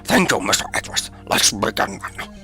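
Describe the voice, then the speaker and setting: A man voicing a formal older male judge in a video game who talks in a measured way. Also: on the low side, very animated, pushed and bright, soft background music. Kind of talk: fan voice-over of a video game.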